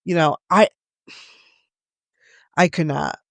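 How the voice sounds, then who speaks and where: A woman's voice: low-pitched, slow, creaky, no room sound. A woman co-hosting a podcast from a small studio room, with joking, laid-back banter. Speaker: podcast co-host. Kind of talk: casual chat.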